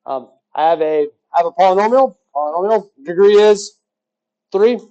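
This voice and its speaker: Male math teacher, fairly high voice, mellow tone, teasing question-and-answer lesson style. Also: normal speed, lo-fi sound. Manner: quizzes the class with rhetorical questions, joking. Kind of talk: recorded classroom lesson.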